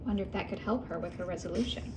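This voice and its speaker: A woman with a mid-range voice races through a children's picture book, reading with expression and pausing to ask her young listeners questions. She hosts the read-aloud, and background noise can be heard.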